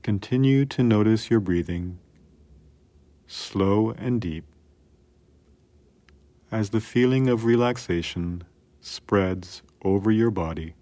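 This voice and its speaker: A man calmly narrating a scripted guided relaxation in a soothing, measured way with long pauses. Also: fairly low pitch.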